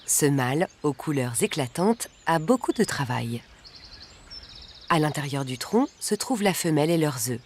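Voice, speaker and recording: A narrator reading a scripted nature documentary in a measured, articulate way. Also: mid-range voice, sing-song, a little hiss or hum. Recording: background music under the voice. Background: music.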